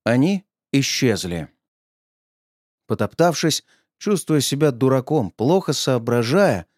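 A man's voice: mid-range voice, dry recording, studio quality. Man reading a story very expressively. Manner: lively expressive reading, agitated in dialogue. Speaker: narrator. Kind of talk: audiobook narration.

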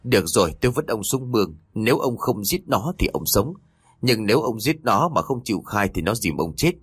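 A man's voice: fairly low pitch, big pitch swings, a little fast, husky, no room sound. A man playing a young village man who angrily threatens and demands answers. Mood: threatening. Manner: forceful, threatening.

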